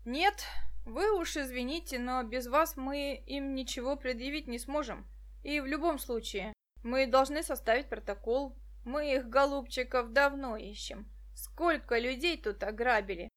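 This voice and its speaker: Brisk official policeman, as a woman reads him. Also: sits high, fairly bright tone. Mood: officious. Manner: official, clipped.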